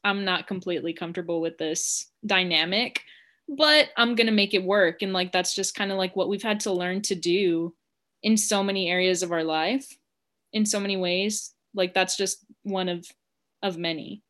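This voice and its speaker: A young woman co-hosts a casual podcast, talking frankly and chattily and peppering her speech with "like." Her voice is lowish and a bit bright, at a normal speed.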